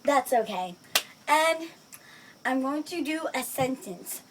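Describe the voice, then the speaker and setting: A woman's voice: high voice, animated, slow pace. A woman chatting casually to camera as an amateur performer introducing and commenting on an act. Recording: clearly noisy homemade recording.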